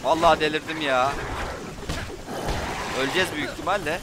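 A man's voice: on the high side, fairly quick, over loud music. A young man doing let's play commentary, frustrated, swearing and taunting. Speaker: gameplay commentator.

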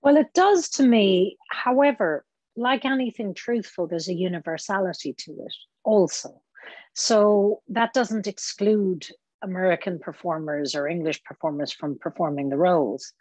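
A woman's voice: fairly low pitch, normal speed, darkish tone, no echo. A woman actor talking as a podcast guest, reflective and searching for her words as she explains her craft. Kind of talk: conversational interview.

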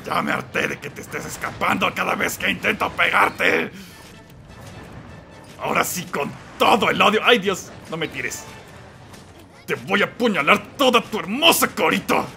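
A man giving excited let's-play commentary, yelling and exclaiming at the game and talking to the monster. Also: high-pitched, moderate pace, creaky, soft background music. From Mexico. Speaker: gamer playing and commenting.

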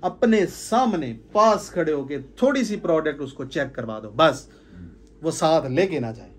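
A man's voice: on the high side, lively intonation, measured pace. A man gives an informal sales talk to a small group, stressing points by repeating phrases. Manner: emphatic, repeats phrases for stress, gestures while talking. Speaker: sales trainer. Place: indoor room with curtains.

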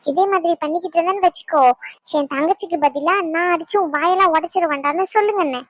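A woman doing a squeaky, boastful kid sister. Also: quick pace, no room sound. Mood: teasing. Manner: teasing and gushing. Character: chatty, boastful young woman, a little sister.

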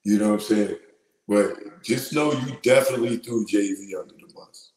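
This middle-aged commentator, voice big, lowish and darkish, talks at a normal speed, loose, animated and slangy, while hosting his live show. The sound comes through a wired earphone mic and bounces off the walls of a small, echoey room.

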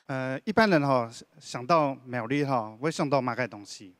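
A man's voice: medium pitch, normal speed, a bit bright, clean tone, dry recording. A man, a county official answering on a panel, explaining at length with many sentence particles. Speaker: deputy director of a county culture and tourism bureau.

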